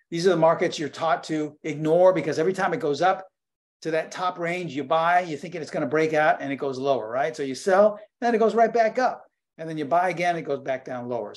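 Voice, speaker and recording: A man in his sixties giving an online webinar presentation as a trading educator, talking conversationally and repeating phrases for emphasis. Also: on the high side. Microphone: computer microphone on a video call.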